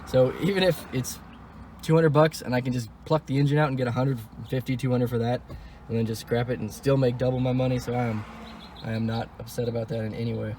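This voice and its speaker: A young car vlogger rambles fast through his car project in loose, casual commentary, thinking aloud offhandedly while he works and breaking off for sarcastic, wisecracking asides. His voice is an ordinary middle pitch, with steady ambient noise humming underneath.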